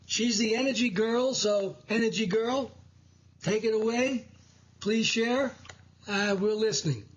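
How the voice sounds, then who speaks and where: A man hosting a spiritual talk show, speaking in a measured, preaching way over dull, lo-fi audio. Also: high-pitched, slightly rough. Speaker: host.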